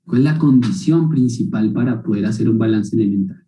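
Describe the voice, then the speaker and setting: A man's voice: lowish voice, a little fast, mellow. A man teaching a university class who keeps checking in with his students and asking them questions. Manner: questions students, tags statements with "¿no?". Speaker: university lecturer. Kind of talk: university lecture. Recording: roomy, distant mic.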